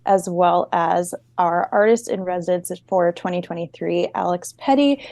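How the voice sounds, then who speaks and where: A young woman hosting an interview as co-founder, upbeat and playful, quick to joke with her guests. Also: fairly low pitch, vocal fry, a little mellow, no room sound. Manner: upbeat, playful, laughs easily. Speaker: host, co-founder.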